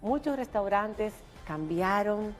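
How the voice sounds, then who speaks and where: A woman with a Dominican accent hosts a news talk show. She comments in an emphatic, insistent way at a middling pitch. The sound carries a noticeable reverberant tail. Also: expressive, slow pace, faint music behind.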